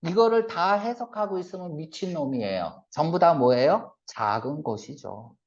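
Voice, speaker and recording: A male English reading teacher giving a brisk exam-prep lecture, firing quick rhetorical check-questions at his students and switching between polite and blunt casual speech. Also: a little high, animated. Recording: lo-fi lecture recording.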